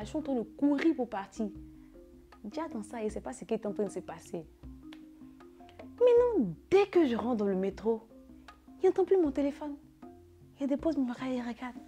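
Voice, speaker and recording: A young woman tells a casual storytime, repeating words and filling gaps with "là" and "genre". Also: fairly high pitch. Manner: animated, repetitive retelling with fillers like "là" and "genre". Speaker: vlogger. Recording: background music under the voice.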